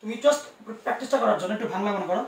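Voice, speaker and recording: A man teaches physics in an online class, talking fast and reassuring his students as he coaxes answers out of them. His voice is high and gravelly. He sits a little back from the mic in an echoey room. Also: distant mic, a little hiss or hum. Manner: quick, coaxing, reassuring tutoring with many asides.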